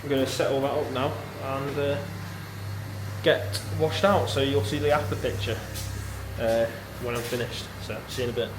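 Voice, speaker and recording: A man's voice: mid-range voice, normal speed. A man, a dairy farmer, chatting casually while he works in a milking parlour, rambling with plenty of fillers into a handheld camera. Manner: relaxed, rambling, many fillers, explaining as he works. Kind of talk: casual walk-through vlog while working. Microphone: handheld camera mic. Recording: loud machinery noise in milking parlour. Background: running milking machinery.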